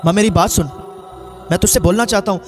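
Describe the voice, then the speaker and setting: A male preacher voicing a defiant young son who drinks, raising his pitch to complain and plead. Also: quick pace, a little mellow, faint music behind, lightly acted. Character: young adult son, drunk, defiant then desperate.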